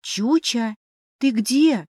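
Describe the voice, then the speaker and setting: A woman's voice: fairly high pitch, very slow, a little mellow, slightly rough, dry recording, clean studio sound, pitched above the performer's own voice, exaggerated voice. A woman voicing a sleepy, bewildered young heroine in an audiobook, asking indignant questions. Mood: puzzled.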